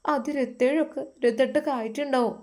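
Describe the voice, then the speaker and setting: A woman with a Malappuram Malayalam accent voicing a soft-spoken, tearful young wife who talks hesitantly and pleadingly. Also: sits high, steady tone, quick pace, voice pushed up, natural voice. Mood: hurt. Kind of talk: storytelling voice acting.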